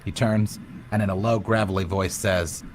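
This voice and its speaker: Low-voiced man narrating a tabletop game. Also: flat delivery, normal speed, slight background noise. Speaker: dungeon master in a played clip.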